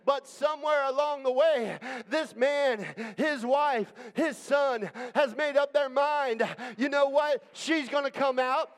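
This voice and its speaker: In a church hall mid-service, a man with a very high voice preaches slowly and with few pauses. His impassioned, declamatory pastor's sermon leans on repeated phrases for emphasis, and the hall's long reverb fills the recording.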